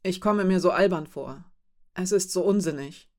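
A self-doubting young woman from a storybook, read by a woman narrator. She speaks calmly and matter-of-factly, with a low-key, even delivery. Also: normal speed, natural voice. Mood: resigned. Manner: calm, matter-of-fact. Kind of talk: audiobook character voice.

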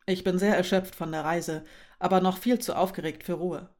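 Woman reading as calm, literal-minded young man. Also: lowish voice, normal speed, close to an everyday voice. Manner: plain, matter-of-fact.

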